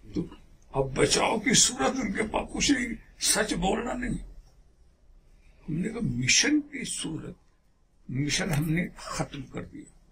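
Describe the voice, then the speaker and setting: A man's voice: on the high side, vocal fry, a bit bright, a little hiss or hum. A man speaking as a religious elder in a sermon-style address, with an aggrieved, indignant manner full of rhetorical questions.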